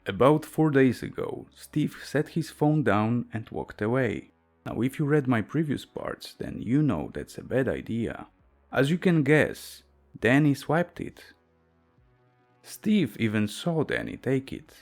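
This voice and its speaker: A man's voice: medium pitch, sing-song, unhurried, a little mellow, faint music behind. A man reading a horror story aloud as a narrator, with a dry, wry storytelling delivery.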